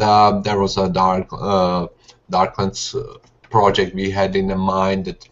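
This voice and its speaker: A man's voice: low-pitched, a bit bright. A young man, a game developer guest talking casually and hesitantly on a video call from his living room. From Serbia, Slovak parents. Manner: hesitant, many "uh" fillers, non-native grammar. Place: living room at home, indoors. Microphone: webcam video call. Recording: dull lo-fi video call audio.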